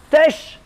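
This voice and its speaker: A man chatting and teasing on a rainy city street, swearing often. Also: darkish tone. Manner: swearing, boisterous teasing banter. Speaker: documentary subject, football fan. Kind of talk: casual street chat. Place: outdoors on a city street in rain.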